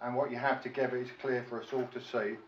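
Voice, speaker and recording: A middle-aged man gives a prepared wedding speech as father of the bride, halting and self-deprecating. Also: mid-range voice, little pitch movement. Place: large function room at a wedding reception. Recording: echoey room, distant mic, muffled, loud noise.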